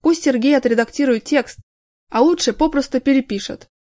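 A practical young woman who takes charge briskly, as a woman reader plays her. The voice is slightly high and dry. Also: darkish tone, no echo, close to an everyday voice.

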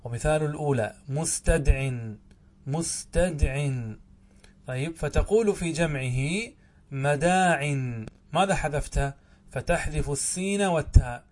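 Teaching Arabic grammar to a class, a man on the high side speaks at normal speed. He asks questions and answers them himself, frequently stretching out words while explaining.

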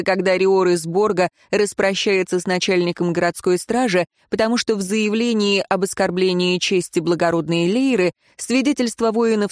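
A man narrates an audiobook in an even, steady storytelling voice. The recording is close and dry, with no room sound. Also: high voice, no echo. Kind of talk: scripted narration.

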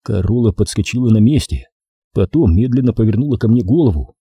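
A male audiobook narrator with a husky, very dark voice tells the story in a measured, expressive way. His pitch moves lively through each sentence. The recording is dry and close, with no room sound. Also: no room sound.

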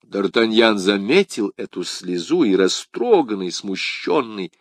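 A man reads a historical adventure novel aloud in a dramatic storytelling manner. His low voice moves widely through its range. The sound is dry and close. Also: a little slow, no room sound. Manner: expressive, dramatic reading. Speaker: audiobook narrator. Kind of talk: scripted narration of a historical novel.

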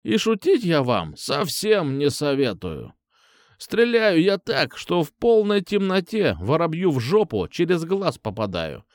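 A man doing a gruff old hitwoman. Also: big pitch swings, unhurried, no echo. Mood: menacing. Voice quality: rattling, low and bassy. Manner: threatening, crude, commanding. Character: elderly female hitwoman, gruff and bossy. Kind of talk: audiobook narration.

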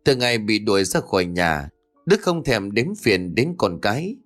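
A man narrating a ghost story in an expressive storytelling cadence. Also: lowish voice, normal speed, faint music behind.

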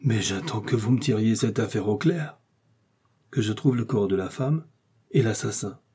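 A man's voice: on the low side, moderate pace, warm tone, slightly rough. A man reading an audiobook, voicing an agitated middle-aged police chief who talks nervously and complains. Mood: exasperated.

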